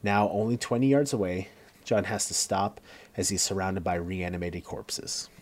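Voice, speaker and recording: Male co-host with a lower voice, narrates the action scene by scene, stumbles and restarts. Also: fairly even intonation, moderate pace. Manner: reads along with fillers and self-corrections. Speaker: co-host recapping a TV episode. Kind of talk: casual scene-by-scene recap.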